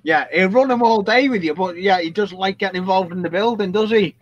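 A man's voice: sits high, fairly quick. A man chatting casually about his model railroad while he works. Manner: chatty, muttering to himself while working. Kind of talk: casual chat. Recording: dull lo-fi audio.

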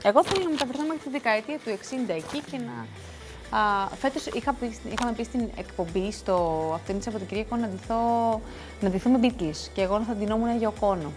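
A woman hosting a TV show, talking casually to the camera in a rambling way, full of asides and restarts. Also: on the high side. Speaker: TV show host. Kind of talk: casual studio chat to camera. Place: TV studio.

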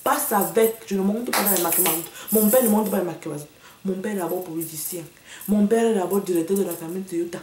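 A woman's voice: mid-range voice, fast talker, background noise. A woman delivering a sassy, mocking comic rant to the camera, slipping into English and slang. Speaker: comedian vlogger. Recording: echoey room, a bit far from the mic.

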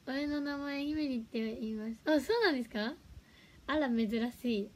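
A woman's voice: high voice, animated, unhurried. A young woman chatting casually on a livestream, giggling and reacting to viewer comments. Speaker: livestream host.

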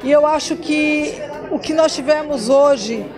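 High, emphatic woman in a noisy auditorium. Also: unhurried. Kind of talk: interview on camera. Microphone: handheld interview mic. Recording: music and crowd chatter behind.

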